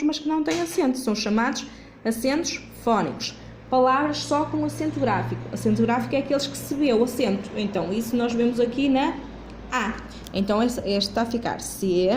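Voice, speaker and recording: A woman's voice: fairly high pitch, slight background noise. Patient woman teacher. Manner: patient, asks questions and answers them herself. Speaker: primary school teacher. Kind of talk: remote lesson going over a worksheet. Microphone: phone filming while she writes.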